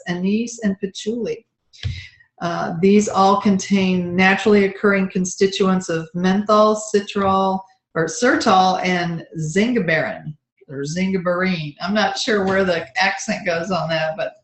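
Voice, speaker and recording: A woman presenting essential oil products in a casual, chatty walkthrough, with many ums and uhs. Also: lowish voice. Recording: roomy echo.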